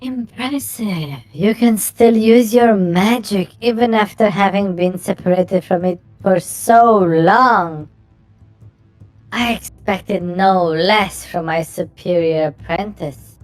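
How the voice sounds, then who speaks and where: Woman voicing a slow, menacing witch mother. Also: medium pitch, a little mellow, faint music behind, close to an everyday voice. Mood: cold, condescending. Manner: condescending, drawn-out taunts. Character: menacing witch mother, gloating villain sorceress.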